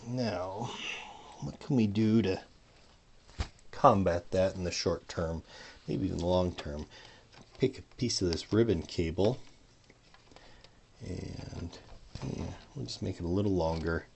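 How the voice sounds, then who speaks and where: Slow, gravelly man muttering at his workbench. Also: sits low, darkish tone, a little hiss or hum. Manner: dry, sarcastic, muttering to himself while working. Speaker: hobbyist modder. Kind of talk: casual workbench vlog narration.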